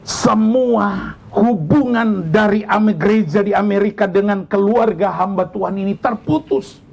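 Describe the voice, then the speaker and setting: A male pastor telling a story in a sermon, animated and climbing higher as the tension builds. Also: unhurried, creaky, muffled recording. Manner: animated, rising to high pitch when building tension. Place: church service.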